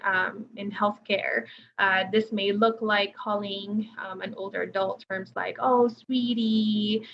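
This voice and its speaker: Woman presenting over muffled lo-fi audio. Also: mid-range voice. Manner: conversational, many fillers and restarts. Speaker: occupational therapist presenting a webinar. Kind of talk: webinar presentation. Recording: dull lo-fi audio, faint noise.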